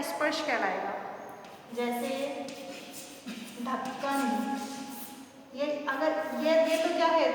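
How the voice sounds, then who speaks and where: Casting: high-voiced woman teacher, far from the mic, echoey room, asks and answers her own questions. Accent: Hindi, North Indian. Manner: asks questions and answers them herself, stretching key words slowly. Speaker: school teacher. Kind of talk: classroom grammar lesson. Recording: echoey distant room recording with faint noise.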